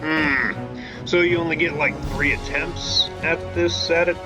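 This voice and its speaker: A man with a somewhat high, fairly even voice casually commentates his own gameplay as a channel host, unhurried and thinking out loud with relaxed restarts and fillers. Game music plays beneath his voice, and the audio quality is poor.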